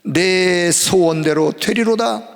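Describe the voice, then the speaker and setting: A male preacher voicing Jesus in a sermon, speaking slowly and low with tender authority, in a church sanctuary with a long reverb. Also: vocal fry, exaggerated voice. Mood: solemn. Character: solemn, gentle male Jesus.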